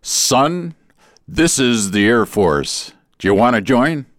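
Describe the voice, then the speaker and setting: A man's voice: fairly low pitch, moderate pace, no room sound, studio quality, close to an everyday voice. A man putting on a laid-back Southern recruiter. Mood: easygoing. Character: easygoing overweight male Air Force recruiter.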